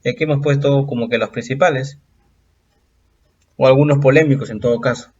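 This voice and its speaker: A man's voice: mid-range voice, fairly quick, a little mellow. Patient male exam-prep teacher, dull audio. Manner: patient, explains step by step with checking questions. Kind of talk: recorded video lesson.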